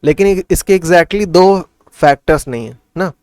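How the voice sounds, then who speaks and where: Hindi-English tutor man, crisp voice. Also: sits high, lively intonation, measured pace, a little mellow, no echo, clean studio sound. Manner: works through sums aloud, Hindi mixed with English; asks and answers his own questions. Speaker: maths tutor. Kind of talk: casual classroom explanation.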